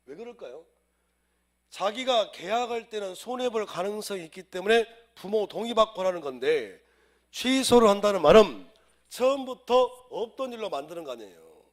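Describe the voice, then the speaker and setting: In an exam-prep lecture on civil law, a high-pitched man drills students with chants and acts out everyday scenes to explain the rules.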